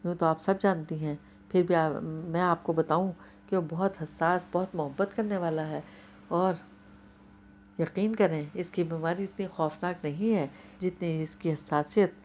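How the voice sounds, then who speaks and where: A good-humoured young man who jokes and then gives sincere, heartfelt advice, as a woman narrator puts him on. He speaks in a somewhat low register. It is an audiobook reading of a novel. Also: steady tone, a little mellow, a little hiss or hum, natural voice. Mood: earnest. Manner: playful teasing turning to earnest counsel. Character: teasing, earnest young man, a close friend.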